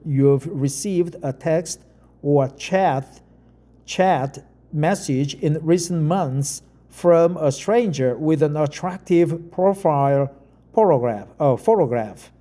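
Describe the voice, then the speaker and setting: His voice is on the high side and warm: a middle-aged Korean man with a Korean accent reading an article aloud and talking casually. Speaking English as a non-native, he halts often, with many fillers and restarts.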